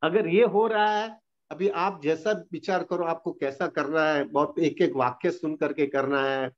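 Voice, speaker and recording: A man answering devotional questions on a video call, earnest, mixing Hindi with English phrases and slowing down to stress points. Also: on the high side, fairly even intonation, lo-fi sound. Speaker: spiritual teacher answering questions. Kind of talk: devotional Q&A session.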